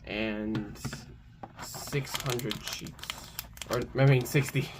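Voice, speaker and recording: A woman's voice: very deep voice, steady tone, drawn-out words. A woman co-hosting a video in casual, offhand chat. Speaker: co-host of card pack opening video. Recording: faint background room noise.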